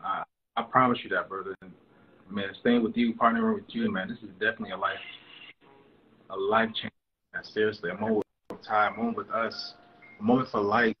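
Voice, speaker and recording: A man hosting a casual livestream chat, enthusiastic and quick to agree. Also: lowish voice, steady tone, muffled recording. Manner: enthusiastic, keeps agreeing with "exactly". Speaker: host.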